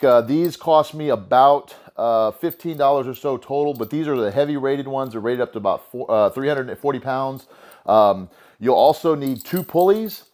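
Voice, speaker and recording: A man's voice: medium pitch, a little mellow. A man in his thirties casually explaining a homemade cable pulley setup in his garage gym, talking loosely with lots of fillers and restarts, recorded by a camera a few steps away. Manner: loose, rambling, full of "uh" and restarts. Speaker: home gym lifter explaining a DIY build. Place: home garage gym, indoors.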